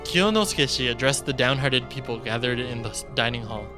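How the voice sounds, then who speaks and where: A man streams a visual novel, reading the story text aloud and adding his own commentary over video game music. His medium-pitched voice is expressive and fairly quick.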